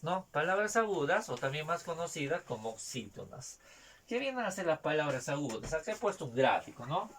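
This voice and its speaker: A man teaching a spelling lesson, repeating each point and checking in with quick tag questions. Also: a little high, a bit bright. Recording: distant mic, faint noise.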